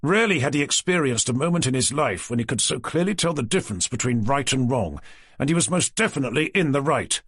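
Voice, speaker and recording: Husky male audiobook narrator. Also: medium pitch, lively intonation, quick pace, fairly bright tone, no room sound, clean studio sound.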